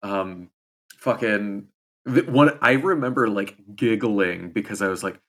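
A man's voice: lowish voice, unhurried, fairly bright tone. A man on a podcast telling anecdotes in casual chat as one of the players.

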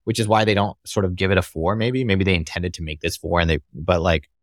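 A man's voice: low voice, fairly even intonation, fast talker, no echo, clean studio sound. A man with an American accent talking casually as a podcast guest, rambling with lots of fillers and restarts. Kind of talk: casual conversation.

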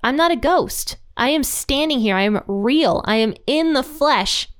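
A woman's voice: sits high, lively intonation, unhurried, pitched above the performer's own voice. A woman voicing an exasperated man who bluntly reassures his frightened friends, in a casual retelling. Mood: insistent. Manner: incredulous, then insistent and matter-of-fact. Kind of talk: casual retelling with acted quotes.

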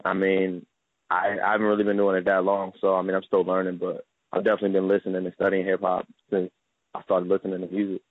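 A man's voice: low-pitched, completely flat delivery, fast talker, dry recording. A man in his twenties from Maryland, a rapper talking about himself in a laid-back, modest way over a phone line. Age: 20s. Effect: heard over a phone line. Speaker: rapper, interview guest. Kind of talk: casual phone interview. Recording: tinny dry phone line.

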